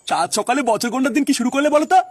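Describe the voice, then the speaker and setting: A performer voicing a hot-tempered old grandfather in a cartoon, who dotes on his grandson and scolds fast and loudly. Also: high-pitched, animated, noisy background. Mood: indignant. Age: older.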